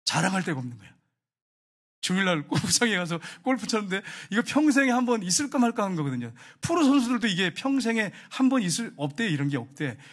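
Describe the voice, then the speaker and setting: A male pastor preaching with a high voice and rapid delivery. He tells his stories animatedly and keeps turning to address the congregation directly. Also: very animated. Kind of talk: sermon.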